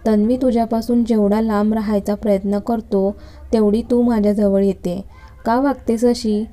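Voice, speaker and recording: A woman's voice: medium pitch, flat delivery, moderate pace, mellow, close to an everyday voice. A woman reading the part of an irritable young male college lecturer in a story, speaking in a curt, scolding manner. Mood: brooding.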